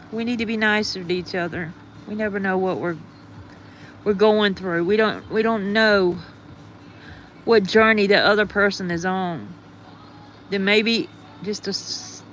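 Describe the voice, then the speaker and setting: A woman's voice: mid-range voice, fairly bright tone, slight background noise. A woman hosting a livestream with a groggy morning voice, rambling casually and greeting her viewers. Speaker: livestream host.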